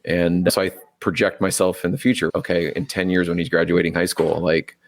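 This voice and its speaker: Earnest and rambling, this forties-aged biology teacher and triathlete keeps interrupting himself mid-sentence during a casual interview. He speaks briskly in a low voice with a flat delivery.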